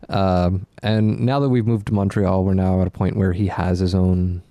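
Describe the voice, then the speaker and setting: A young adult man chatting casually as a podcast co-host, halting and often repeating his words. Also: deep voice, level tone, warm tone, no echo. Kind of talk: casual chat.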